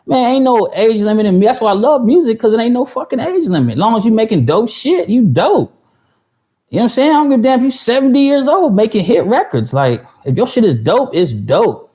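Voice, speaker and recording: A man in his thirties with a very high-pitched, mellow, sing-song voice talks briskly through a long story on a music producers' livestream. Rambling and swearing, full of fillers and restarts, he pauses the tale to answer viewer chat.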